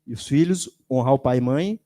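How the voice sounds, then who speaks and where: Mellow-voiced preacher man. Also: mid-range voice, fairly quick. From Brazil. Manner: conversational, asks the congregation questions; acts out quoted voices. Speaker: lay preacher. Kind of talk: sermon. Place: church.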